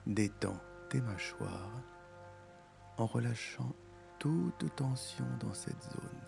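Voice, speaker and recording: A man guiding a meditation in a soft, soothing, intimate voice, as if speaking right into your ear. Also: fairly low pitch, vocal fry. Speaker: meditation guide. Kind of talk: guided meditation. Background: music.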